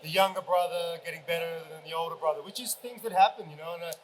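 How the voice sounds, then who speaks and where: A man's voice: a little high, quick pace, a little hiss or hum, low-quality recording. A man on a convention panel giving rambling answers full of restarts.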